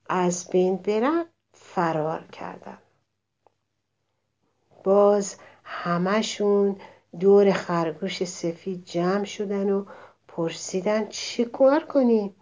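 Female storyteller for children, expressive read-aloud narration, middle pitch.

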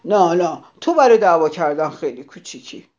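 A woman's voice: fairly low pitch, sing-song, highs cut off. A woman voicing a grumpy, bossy little ladybug. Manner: gruff, loud and hasty. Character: grumpy quarrelsome ladybug, small, boastful.

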